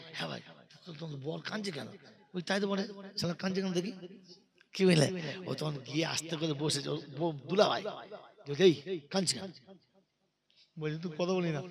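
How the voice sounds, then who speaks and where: A man's voice: a little high, gravelly. A man preaching an Islamic sermon with sung verses and comic stories, quizzing his listeners. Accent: Bengali as spoken in West Bengal, India. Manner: chants opening verse slowly, then tells jokes conversationally and quizzes the crowd. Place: large religious gathering. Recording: live crowd at an outdoor religious gathering. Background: crowd of listeners.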